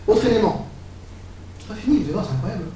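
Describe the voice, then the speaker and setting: Guy preaching a sermon, gets all fired up, voice kinda high, bouncing around a big echoey room w faint noise. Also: fast. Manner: animated, builds to excited exclamations. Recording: echoey hall, voice from far off.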